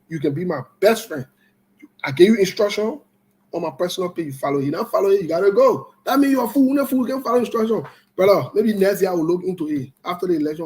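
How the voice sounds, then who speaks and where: An online political talk show host gives live commentary and scolds his viewers bluntly and casually, veering between loud outbursts and low-key comments. The audio quality is poor.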